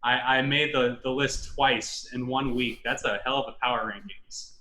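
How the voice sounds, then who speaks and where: Bright-voiced joking man, echoey room. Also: mid-range voice, steady tone, normal speed. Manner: joking, laughs often. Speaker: podcast guest. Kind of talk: casual sports podcast banter.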